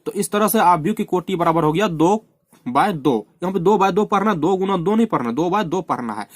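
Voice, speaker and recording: In a studio-quality recording with no room sound, a high-pitched Indian man teaches math at a board with lively intonation and a fairly quick pace. He repeats terms and often urges students to watch closely.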